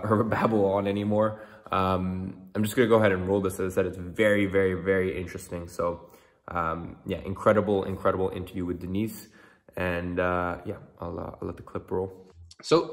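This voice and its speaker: A young man hosting a student interview, talking casually with many fillers and restarts. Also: low voice. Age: young adult. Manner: rambling, lots of fillers and restarts. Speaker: host and coach of a marketing program. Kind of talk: casual talk, then interview.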